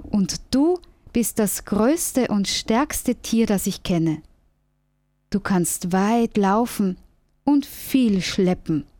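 A woman voicing a cheerful, eager little squirrel in a children's radio story, lively and coaxing. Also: mid-range voice, extremely slow, no echo.

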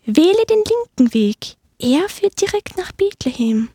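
A small, proud mouse squeaks quickly and brightly in a children's radio story, voiced by a woman. Her voice is very high and dry. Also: sing-song, dry recording, exaggerated voice.

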